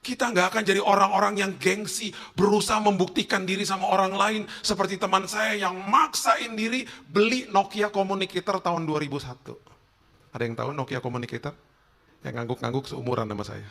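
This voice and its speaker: A middle-aged male pastor tells funny stories from the pulpit in a bright, animated way. His voice sits fairly high for a man and jumps around as he jokes in casual slang. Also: fairly quick, gravelly. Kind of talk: humorous storytelling sermon.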